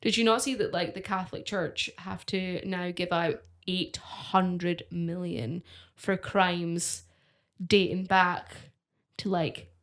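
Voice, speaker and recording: A woman's voice: on the low side, steady tone, takes it slowly, a bit bright. A woman co-hosting a podcast in casual chat, talking with a lot of "like" and asking her guests questions. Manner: chatty, full of "like", asks questions. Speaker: podcast co-host.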